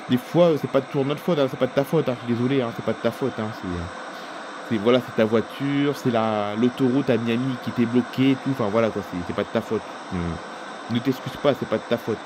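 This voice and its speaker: A man voicing an easygoing airline captain in a homemade toy-figure film, calmly reassuring a colleague in a rambling way. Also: medium pitch, noisy background, natural voice.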